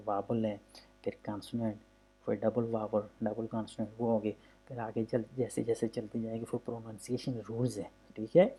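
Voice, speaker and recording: Male language teacher, gravelly and mellow, patient and repetitive. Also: medium pitch. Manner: patient, repetitive, often says "okay" between points; drawn-out demonstrations of vowel sounds. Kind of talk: explaining a textbook lesson.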